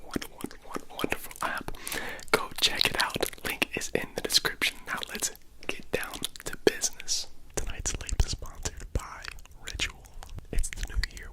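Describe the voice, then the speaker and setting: An ASMR creator reading sponsor messages in a breathy, unvoiced whisper, deliberate with playful touches. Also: poor audio.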